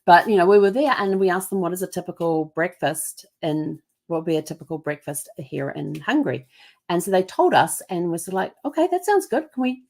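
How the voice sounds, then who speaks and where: In a lowish, slightly mellow voice, a middle-aged New Zealand host spins casual travel stories. Her accent is a mix of Kiwi and American, and her manner is chatty and meandering: many ums, frequent restarts, and put-on voices for the other people involved.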